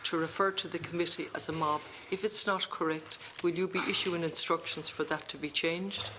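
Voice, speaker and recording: The speaker has a west of Ireland accent and a mid-pitched voice. The delivery is formal committee questioning, insistent and repetitive. There is clear noise with clicking on the recording. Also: fairly even intonation, a little fast. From Galway, Ireland. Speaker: parliamentary committee member questioning a witness.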